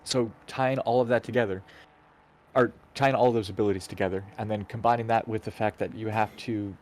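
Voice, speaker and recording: A man's voice: lowish voice, fairly even intonation, fairly quick, a little mellow. A man co-commentating on a racing livestream, casually explaining in an analytical way.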